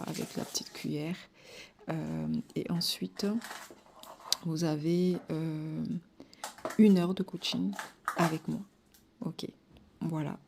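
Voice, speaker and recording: A woman's voice: low-pitched, creaky, a little mellow, a little hiss or hum. A young woman vlogging casually about her giveaway, chatty and full of fillers. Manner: chatty, many fillers and repeated "voilà". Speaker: hair care vlogger. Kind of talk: casual vlog presenting giveaway prizes.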